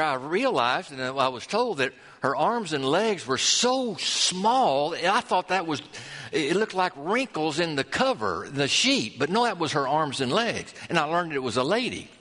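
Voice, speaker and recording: A man who is a pastor, preaching a sermon and telling a story, with hushed low passages and rising high peaks. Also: in a large hall.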